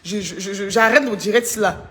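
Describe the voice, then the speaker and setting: A woman's voice: mid-range voice, normal speed, a bit bright. A woman doing mocking gossip commentary on a live stream, teasing and laughing as she chats to viewers. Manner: teasing, laughing often, chatty asides to viewers.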